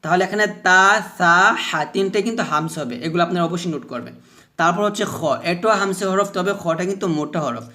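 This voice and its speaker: A man teaching Quran pronunciation, slowly drilling the letter sounds again and again. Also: sits high, bright, forceful tone. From Bangladesh. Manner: slow, repeats letter sounds over and over as drills. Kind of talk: pronunciation lesson.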